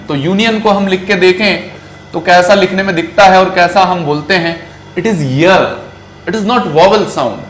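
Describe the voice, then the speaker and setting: High-pitched Indian man teaching in an echoey room. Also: fairly bright tone, slight background noise. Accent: Indian English. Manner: slow, stretched-out pronunciation drills. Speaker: English teacher for exam prep. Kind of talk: classroom grammar lesson.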